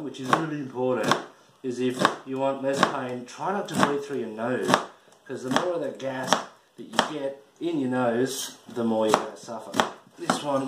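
A man in his thirties talks through a recipe in a relaxed, irreverent way, with the odd casual curse. He is picked up by a camera mic a few feet away in a small home kitchen. The room is echoey, and pots, pans and dishes clatter loudly behind him. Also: medium pitch, heavy background noise. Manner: chatty, irreverent, swears casually while working. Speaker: home cook hosting a cooking show. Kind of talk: casual cooking demonstration. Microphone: camera mic filming from a few feet away.

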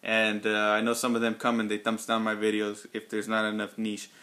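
A man's voice: lowish voice, completely flat delivery, brisk, pushed and bright. A man from Texas with a Texan accent, talking casually in an unscripted fragrance vlog, rambling with many ums, uhs and restarts. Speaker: fragrance reviewer.

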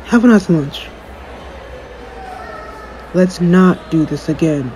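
Poor audio with slight hiss or hum captures a man whose highish voice has a darkish tone as he takes it slowly. Playing a jaded, cocky young superhero in a one-sided audio roleplay, he's dry, sarcastic, smug and aloof, dismissive of his fan.

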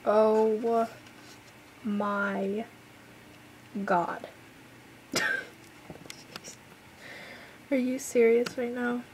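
A woman's voice: on the high side, darkish tone, a little hiss or hum, rough recording. A young woman vlogging an album unboxing at home, gushing and exclaiming, sometimes dropping to a whisper. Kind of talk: excited unboxing chatter.

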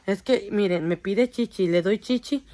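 Chatty mom vlogging at home. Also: female voice, mid-range voice, normal speed, warm tone, slight background noise. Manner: chatty, teasing, swears casually. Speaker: vlogger and mother. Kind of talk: casual home vlog chat. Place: home bedroom.

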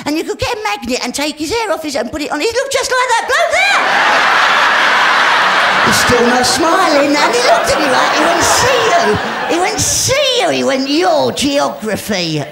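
A man with a squeaky voice performing a rambling stand-up comedy routine, punctuating his stories with "right?". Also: very animated, moderate pace, creaky, very noisy. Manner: rambling punchy storytelling with "right?" tags. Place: live comedy stage before an audience. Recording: live show with loud crowd laughter and music.

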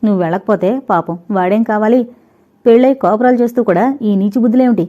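A woman's voice: medium pitch, fast, natural voice. A woman voicing a jealous, suspicious husband who speaks harshly and accuses his wife. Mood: angry. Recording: dull lo-fi recording.

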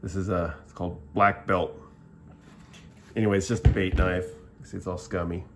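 With a deep voice that barely moves in pitch, a middle-aged man talks at normal speed through a plainspoken, rambling product review. He sits indoors filming the tabletop, often starting sentences over, amid some background noise.

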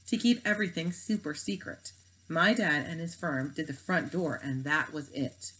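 A woman's voice: low-pitched, normal speed, fairly bright tone, low-quality recording. A woman reading aloud, voicing a blunt, knowing schoolgirl. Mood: teasing.

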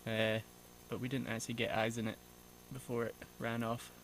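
A young man explaining bushcraft in a relaxed, casual way, outdoors in a forest on an action camera. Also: medium pitch, normal speed, a little hiss or hum, low-quality recording. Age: young adult. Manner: relaxed, explanatory, dry humor. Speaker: vlogger. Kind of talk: casual outdoor vlog narration.

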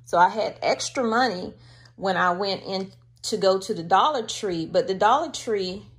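A woman's voice: mid-range voice, moderate pace, husky. A woman chatting casually to her viewers from home, talking to them as y'all, filming with a handheld camera. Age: adult with a daughter. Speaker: vlogger showing a grocery haul. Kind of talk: casual chat.

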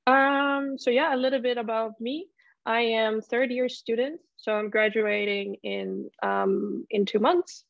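A woman in her early twenties from Finland, a student presenting her study program on a video call, hesitant with many pauses and restarts. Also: on the high side, steady tone, vocal fry, no room sound. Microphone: laptop mic on video call. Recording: dull, lo-fi video call audio.

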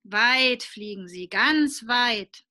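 A woman reading a picture book aloud to children, lively and asking them questions along the way. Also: fairly high pitch, extremely slow.

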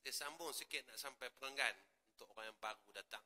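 A man with a Malaysian Malay accent preaching in a prayer hall, switching from quiet asides to loud rising exclamations. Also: mid-range voice, fast talker. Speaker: religious teacher. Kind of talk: mosque sermon.

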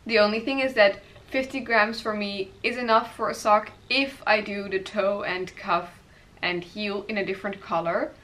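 A woman's voice: medium pitch, fairly even intonation, moderate pace, fairly bright tone. A woman, hosting a knitting podcast and rambling casually from her apartment with hesitant fillers.

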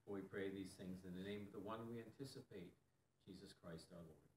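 A man, a pastor, leading an opening prayer in a measured, reverent way. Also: low voice. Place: church fellowship hall. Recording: distant mic in echoey hall, faint room noise.

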